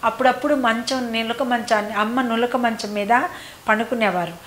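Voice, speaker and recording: Woman telling old stories, kinda rambling and repeating herself, slightly high voice, echoey room. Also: fairly even intonation, normal speed. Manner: rambling, repeats phrases, fills with "annamaata". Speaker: devotee recounting memories of a saint. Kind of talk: reminiscing oral storytelling.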